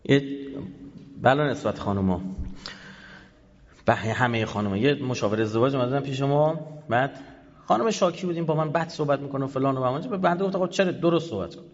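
Heated man in an echoing hall. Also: pauses often. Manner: heated, sarcastic, swings between loud bursts and low asides. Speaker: head of an institute. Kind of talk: animated talk to an audience. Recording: dull lo-fi audio in a reverberant hall.

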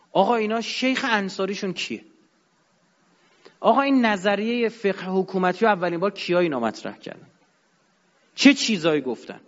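A man giving an emphatic religious and political lecture to an audience, his voice jumping up and dropping low. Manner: emphatic, rising and dropping sharply. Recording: dull sound in a long-reverb hall.

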